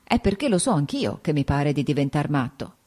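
A woman reading the lines of a worried middle-aged father who complains in a hushed, fretful way. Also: sits low, very animated, a little fast.

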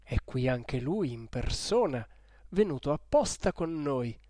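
Man doing an old nervous country priest, calming someone down, dry close mic. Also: medium pitch, a little slow, dry recording, natural voice. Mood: reassuring. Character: timid elderly village priest, reassuring.

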